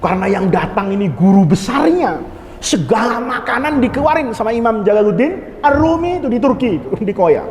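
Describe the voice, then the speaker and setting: A male preacher telling a story in a humorous, lively way during a mosque sermon. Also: very high voice, moderate pace. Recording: echoey mosque hall, faint noise.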